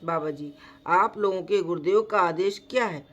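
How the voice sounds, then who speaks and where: A woman's voice: fairly low pitch, dull audio, lightly acted. Woman reading as a humble old holy man. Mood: earnest. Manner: slow, measured reading voice. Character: devout elderly male holy man, humble, inquiring.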